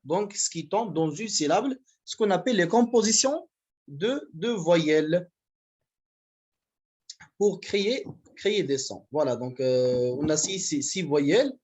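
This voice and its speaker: A man with a Moroccan accent teaching a university French class over a video call. He explains slowly, stretching out example words and slipping into Moroccan Arabic. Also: a little high, lively intonation, darkish tone, breathy edge. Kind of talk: online class lecture.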